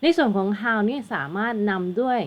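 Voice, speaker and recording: A woman's voice: fairly high pitch, normal speed. A woman with a Thai accent, an English teacher tutoring for an exam, patiently explaining and spelling words out letter by letter.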